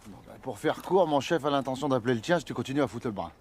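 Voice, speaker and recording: An actor playing a polite but smug customs officer in a film scene. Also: male voice, mid-range voice, expressive, rapid-fire, a little mellow, slightly rough.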